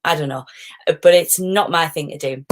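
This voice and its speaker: A middle-aged woman with a deep voice hosts a live stream as a positivity coach, speaking at a normal speed. Her casual talk is chatty and wanders off on tangents, with frequent laughter.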